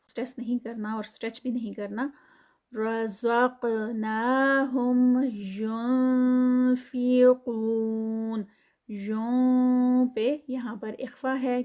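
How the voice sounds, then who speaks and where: Patient woman teaching Quran recitation, higher voice. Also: warm tone. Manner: patient, explains each letter slowly and step by step. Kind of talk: tajweed lesson, explaining then reciting.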